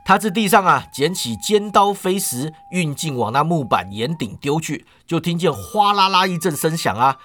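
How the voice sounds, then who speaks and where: A man telling a martial-arts story in a lively manner, adding drawn-out particles to the ends of his phrases. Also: on the high side, slight background noise. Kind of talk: wuxia storytelling.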